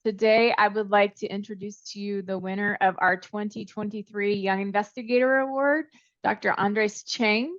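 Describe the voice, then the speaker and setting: A woman's voice: mid-range voice, steady tone, moderate pace, no echo. A woman hosting an interview, introducing the guest and asking prepared questions in a polite, upbeat manner. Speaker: interview host. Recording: dry, dull lo-fi audio.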